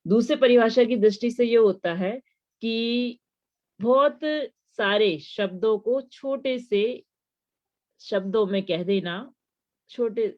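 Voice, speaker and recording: A woman's voice: a little high, slow pace, lo-fi sound. A woman giving a devotional lesson on mantras, explaining patiently and asking rhetorical questions. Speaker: religious teacher.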